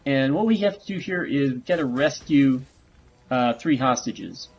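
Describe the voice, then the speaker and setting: A man talks through a video game in a relaxed, rambling way, filling gaps with frequent fillers. His voice sits in a middle pitch. The recording sounds dull and lo-fi, with faint music behind him. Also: normal speed. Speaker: gameplay commentator. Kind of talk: casual gameplay commentary.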